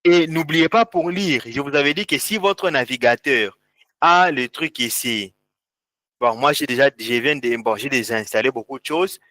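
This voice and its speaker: A man's voice: mid-range voice, moderate pace, bright, forceful tone, dry recording, clean studio sound. Man walking students through screen steps. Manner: repetitive, step-by-step pointing at screen. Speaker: instructor. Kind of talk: live online tech class walkthrough.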